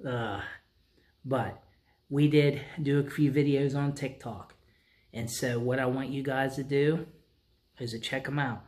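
A man in his forties chatting casually to viewers as host, with halting delivery. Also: mid-range voice, steady tone, a little mellow. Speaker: host, ventriloquist.

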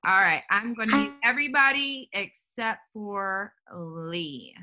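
A woman's voice: mid-range voice, unhurried, bright, forceful tone, rough recording. A woman teaching a children's Sunday school class over a video call, upbeat and calling on the children by name. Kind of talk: leading a kids' online class.

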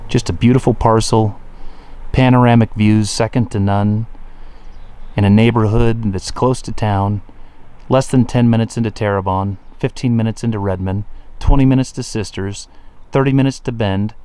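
A man giving a relaxed, enthusiastic narration of a property tour outdoors, pointing out landmarks as he goes. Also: on the low side, normal speed, clear, resonant tone. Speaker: real estate video tour narrator. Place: outdoors on a rural lot and riverside.

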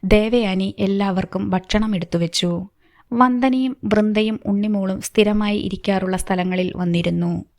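A woman narrating a novel in a steady, measured reading voice. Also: medium pitch. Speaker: audiobook narrator. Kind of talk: scripted narration.

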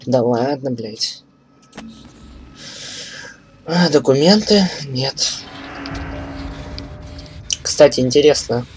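A man's voice: medium pitch, animated, very slow, long pauses. Guy streaming a game, can't say his r's right, swears a lot, stumbles reading stuff out, game music behind him. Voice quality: burr, has trouble pronouncing his r sounds. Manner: profane, stumbles while reading aloud. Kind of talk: casual gaming commentary, reading on-screen text aloud.

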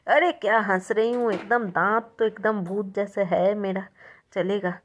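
A young woman from India talks straight to her viewers in a casual, chatty vlog. She narrates each step as she goes, breaking into quick, excited exclamations. Her voice sits at an ordinary middle pitch for a woman. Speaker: prank vlogger.

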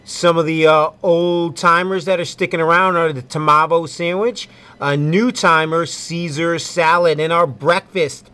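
A man's voice: on the high side, steady tone, a little slow, pushed and bright, smooth. A man filming an upbeat, friendly walkthrough of a small cafe's new menu on a handheld camera. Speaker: cafe host filming a menu tour. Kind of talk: casual promotional walkthrough. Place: small cafe indoors.

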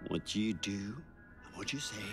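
A man's voice: lowish voice, expressive, moderate pace, over music, natural voice. A man playing a coolly scolding psychiatrist. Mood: reproachful. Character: calm reproachful male psychiatrist figure.

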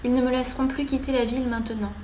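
A woman's voice: high voice, steady tone, fast, a little mellow, slight background noise. A woman commenting on a video game playthrough, reading the in-game journal aloud and stumbling over words at times. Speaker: let's play host.

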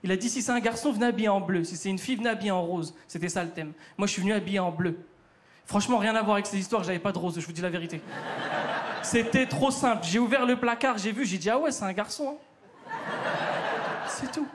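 A fast-talking man with a high voice and a North African French accent performs chatty stand-up in a theater. He speaks right to the crowd, with background noise present.

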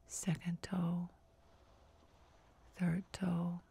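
Speaking almost in a whisper, a woman guiding yoga nidra uses a soft, breathy voice to lead a relaxation meditation. Her pitch sits fairly low and holds very steady from one phrase to the next. Each instruction comes very slowly and calmly, soothing and measured.

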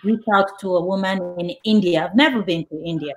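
A woman hosts an online church interview over video call, her voice on the low side and a little fast. She reads viewer questions aloud, laughs warmly and affirms the answers she hears.

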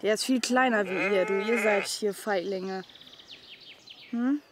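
A woman's voice: medium pitch, measured pace, crowd noise. A woman chatting casually outdoors on a farm, coaxing and teasing animals.

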